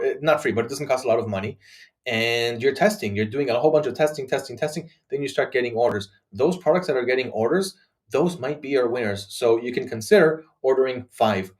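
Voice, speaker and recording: A man's voice: mid-range voice, darkish tone. A man in his thirties hosting a casual live stream, answering viewer questions with many fillers and restarts. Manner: chatty, frequent "uh" fillers and restarts. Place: small dark room, indoors.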